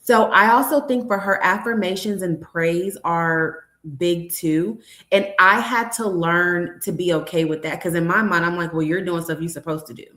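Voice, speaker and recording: 30s mom talking openly on a podcast, acts out convos, roomy echo. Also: female voice, fairly low pitch, normal speed, hardly any pauses, fairly bright tone. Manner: candid, storytelling, acts out dialogue with her daughter. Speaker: guest, nurse educator and mother. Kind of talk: conversational interview. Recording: echoey room.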